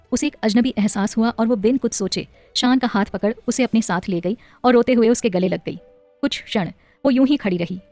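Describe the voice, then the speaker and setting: A woman narrating an emotional family audio story in a steady, scripted, emotive way. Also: medium pitch, no room sound.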